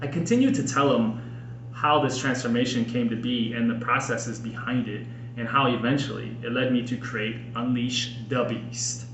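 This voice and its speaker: Reading aloud from his own book in an audiobook style, an American podcast host from Minnesota sounds earnest and expressive, with deliberate phrasing in a mid-range voice. The recording is roomy and echoey, with faint background noise.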